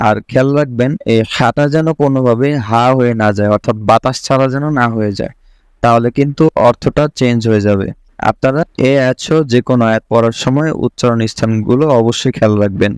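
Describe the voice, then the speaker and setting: A man teaching how to pronounce the letters for Quran recitation, speaking slowly and carefully and repeating each sound for the learner to copy. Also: medium pitch, a little mellow, smooth, no echo. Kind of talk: step-by-step teaching of letter pronunciation.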